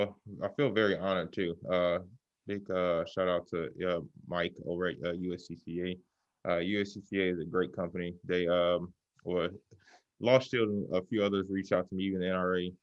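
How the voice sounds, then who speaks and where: A man talking through a mask that muffles him, giving a halting, conversational personal account in an interview. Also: low-pitched, steady tone, highs cut off. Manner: halting, pausing often with "you know". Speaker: interview guest, self-defense shooting survivor.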